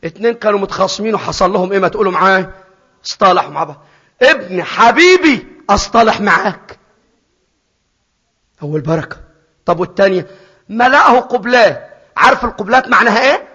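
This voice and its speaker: Brief: a high-voiced male preacher with an Egyptian Arabic accent, questioning his flock, in an echoey church hall. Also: racing, slightly rough. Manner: questions the congregation, repeats phrases, drops to soft and rises to loud. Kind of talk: sermon. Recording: dull, reverberant church hall.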